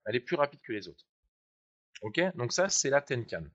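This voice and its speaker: A man leads a live webinar tutorial, talking in a chatty, explanatory way and checking that viewers follow along. His voice sits at an ordinary middle pitch. The sound is dull and lo-fi. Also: sing-song, normal speed. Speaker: trading software trainer.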